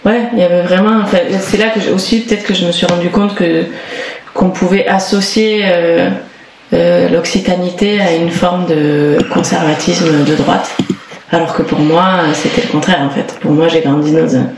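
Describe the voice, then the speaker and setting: Speaking at a moderate pace with a steady, darkish, lowish tone, a woman singer from the Toulouse area gives a relaxed interview. She gropes for words, pausing on fillers and starting over frequently, in a thoughtful, hesitant way. The recording has a roomy echo and noticeable background noise.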